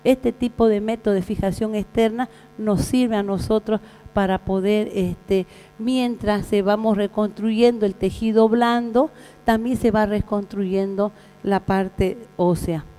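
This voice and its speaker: A Bolivian woman, a veterinary surgeon, giving a conference lecture in a large hall, talking haltingly with frequent fillers and restarts. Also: mid-range voice, steady tone, warm tone, soft background music. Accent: Bolivian Spanish. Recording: reverberant hall with mains hum.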